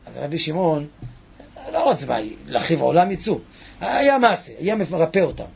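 A man teaching a Talmud lesson, reading Aramaic lines and explaining them with animated rhetorical questions to his class. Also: a little high, vocal fry, husky. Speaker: Torah teacher. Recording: dull lo-fi recording.

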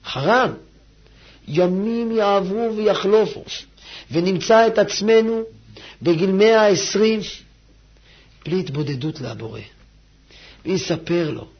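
Husky man preaching a fiery sermon. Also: high-pitched, lively intonation, pauses often, lo-fi sound. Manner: swings from hushed pleading to loud exhortation. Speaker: rabbi giving a lesson.

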